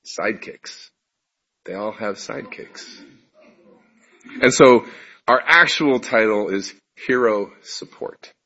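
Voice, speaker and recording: A preacher with a deep, husky voice gives a conversational sermon to his congregation, asking them questions and poking fun at himself. He speaks slowly with frequent pauses, in a bright, forceful tone. The recording is muffled and lo-fi.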